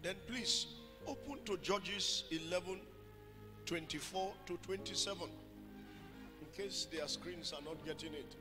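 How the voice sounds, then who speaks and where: A man preaching a fervent sermon into a pulpit microphone, now and then breaking into loud sung cries. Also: sits high. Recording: long hall reverb with music behind.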